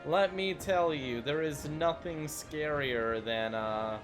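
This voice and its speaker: A man's voice: on the high side, slow, music in the background. A young man casually commenting while playing a city-building game, chatty and self-mocking, rambling into asides. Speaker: gaming YouTuber.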